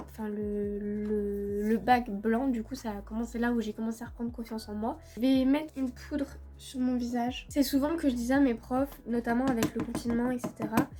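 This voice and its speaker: A teenage girl with a fairly high, mellow voice chats through a makeup routine, wandering from topic to topic with plenty of fillers and restarts. She sounds relaxed and unpolished, talking straight into a phone camera at home. Soft music plays faintly underneath. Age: teens. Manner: chatty, many fillers and repeated words. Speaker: beauty vlogger. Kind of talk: casual chat while doing makeup.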